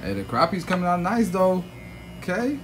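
A man hosting a barbershop vlog, excitable and joking, laughing often with his crew. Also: high-pitched, moderate pace, noisy background. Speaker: barber vlogger hosting a training event. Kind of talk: casual vlog chat. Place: barbershop, indoors. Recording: loud music playing behind.

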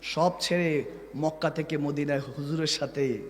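A man preaching an Islamic sermon with passion, rising to shouts and dropping to hushed asides, repeating phrases and calling on the crowd to answer. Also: a little high, fairly even intonation, normal speed, long reverb tail. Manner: impassioned, swings from soaring shouts to hushed asides; rhythmic repetition, asks the crowd for replies.

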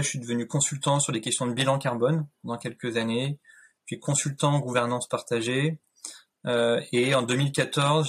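A man's voice: mid-range voice, breathy edge. A man in his thirties, a guest on a video call interview, speaking thoughtfully with many fillers and restarts. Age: 30s. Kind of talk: casual interview talk. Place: home room, indoors.

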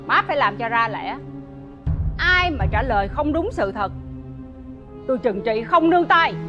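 A woman's voice: on the high side, lively intonation, normal speed, dull audio, lightly acted. An actress playing a stern, commanding mother-in-law who runs a wealthy household, faint music behind. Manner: stern, scolding. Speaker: household mistress.

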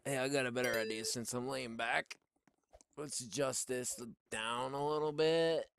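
A middle-aged man doing Let's Play commentary on a headset mic in a small home room, exclaiming and shouting as he plays. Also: mid-range voice, moderate pace, gravelly, a little hiss or hum. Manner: excitable, exclaims and shouts while playing. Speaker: gaming YouTuber.

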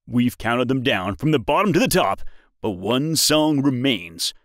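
A man's voice: mid-range voice, big pitch swings, measured pace, fairly bright tone, no echo, clean studio sound. A man voicing a male radio DJ hyping up a countdown with punchy showman build-up. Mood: hyped.

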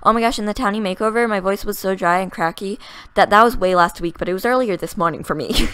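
A young woman with a dry throat, chatting fast and excitedly over a game build, often laughing and restarting her thoughts. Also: medium pitch, clean tone, no echo. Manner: fast, rambling, giggly, excitable. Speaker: gaming YouTuber narrating a speed build. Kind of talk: casual voice-over chat.

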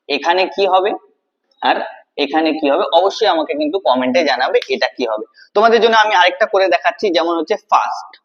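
A high-voiced man teaches English grammar in a classroom-style video lesson, posing questions and then answering them himself while repeating key words. The audio is dull and lo-fi.

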